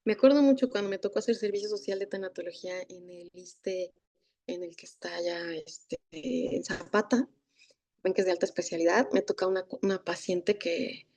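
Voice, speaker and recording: A woman's voice: mid-range voice, moderate pace, a little mellow. Mexican woman telling stories in class. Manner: acts out dialogue, tag questions. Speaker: thanatologist giving a masterclass. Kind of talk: storytelling lecture.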